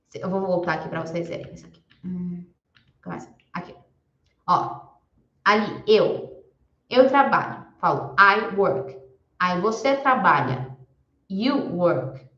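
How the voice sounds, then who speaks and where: A woman teaching a recorded beginner class, explaining patiently and slowing down to spell out each example word. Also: medium pitch, lively intonation, pushed and bright. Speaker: English teacher. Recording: echoey room, dull lo-fi sound.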